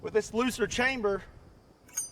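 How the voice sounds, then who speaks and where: An American man talking casually and excitably as he hosts an unscripted outdoor demonstration. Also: sits high, moderate pace, a little hiss or hum. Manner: excitable, exclaiming. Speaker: host of a shooting video. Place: outdoors at a shooting range.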